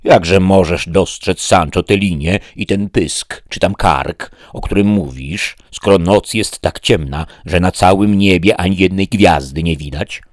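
A man's voice: deep voice, a little slow, few pauses, no room sound, clean studio sound. Don Kichot, a man doing a proud knight. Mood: solemn. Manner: solemn, loud and declaiming.

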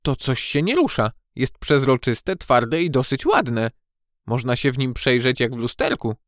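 A man voicing a cheerful, curious young female bee in a storybook audiobook, lively and playful. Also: medium pitch, measured pace, no room sound, studio quality.

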